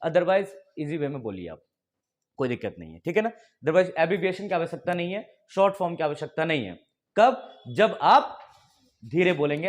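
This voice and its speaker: A man with an Indian accent teaching English to a class, mixing Hindi and English, often laughing and quizzing the students. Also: sits high. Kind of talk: classroom lesson in Hinglish.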